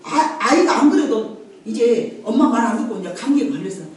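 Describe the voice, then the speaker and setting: A woman's voice: fairly high pitch, lively intonation, brisk, a little mellow. A woman preaching a sermon in a conversational way, acting out family voices and laughing often. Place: church sanctuary. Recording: echoey church hall from far off.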